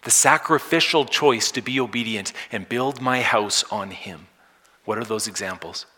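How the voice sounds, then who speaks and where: Male pastor, bright forceful tone, dynamic sermon delivery that swells loud then drops soft, long hall reverb. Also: on the low side, normal speed, breathy edge. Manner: dynamic, swinging from loud emphasis to soft hushed lines.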